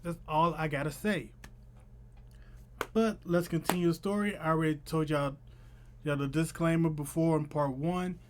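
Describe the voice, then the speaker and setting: A man's voice: a little high, fairly even intonation, moderate pace, long pauses, slight background noise. Young man with a slushy lisp. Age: young adult. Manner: informal, chatty, slangy delivery. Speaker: vlogger. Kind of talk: casual storytelling to camera. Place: small room at home.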